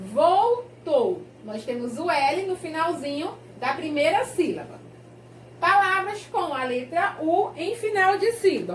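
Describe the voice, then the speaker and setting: A woman teacher with a Brazilian Portuguese accent, slowly guiding young children through a textbook lesson in a sing-song classroom voice. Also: high voice, distant mic, a little hiss or hum. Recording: echoey room, voice off-mic.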